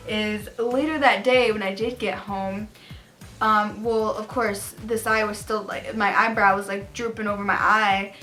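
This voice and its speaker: With a fairly high pitch and a sharp tone, a young adult woman relays personal stories to camera. It's casual confessional storytelling from a vlogger, delivered in a chatty, gossipy, emphatic style.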